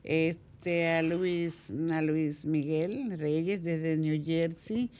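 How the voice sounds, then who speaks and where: A man's voice: a little high, steady tone, drawn-out words, a little mellow, clean tone. A man, co-hosting an unscripted radio chat. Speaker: radio co-host.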